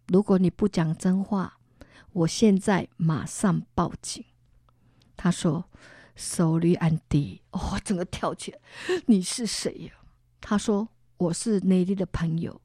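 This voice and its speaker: A woman's voice: mid-range voice, no echo, studio quality. A middle-aged woman from Singapore with a Singaporean accent, a guest animatedly telling a faith story and acting out the people in it. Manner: animated storytelling, acts out voices.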